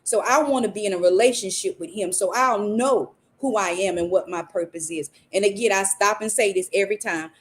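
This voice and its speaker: A woman's voice: mid-range voice, fairly quick, few pauses. A woman hosting a podcast, giving an earnest, faith-based motivational talk and repeating phrases for emphasis. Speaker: podcast host.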